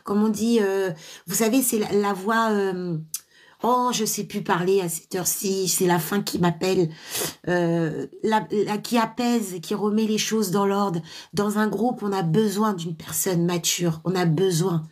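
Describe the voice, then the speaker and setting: A woman's voice: steady tone, measured pace. A woman trainer, speaking live to viewers in an encouraging pep-talk, with frequent fillers and restarts. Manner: laughs often, loud high laughs.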